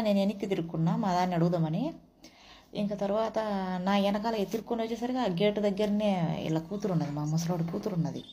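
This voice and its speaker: In a casual storytelling vlog, a Telugu-speaking house worker from India recounts a quarrel, acting out each person's lines. Her voice is lowish, gravelly, and mellow.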